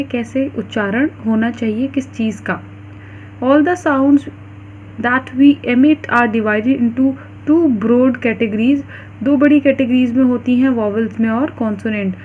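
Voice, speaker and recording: A high-pitched woman teaches at an unhurried pace, reading English lines slowly and then explaining each point in Hindi. The recording is dull and lo-fi, with a faint hiss underneath. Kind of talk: online class lecture.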